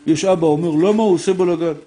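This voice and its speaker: A middle-aged man giving a lively Torah lesson, acting out voices in his stories and addressing his listeners fondly. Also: high voice. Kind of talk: lively sermon with anecdotes.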